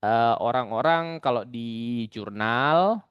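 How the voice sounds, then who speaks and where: A young man teaching an exam-prep class in a relaxed, chatty way, often closing his points with small tag words. His voice is smooth and clear, and the sound is dry and close. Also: mid-range voice, slow pace, no echo, lo-fi sound. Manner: chatty and explanatory, often tagging lines with "gitu" and "ya". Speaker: tutor. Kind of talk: casual online exam-prep lesson.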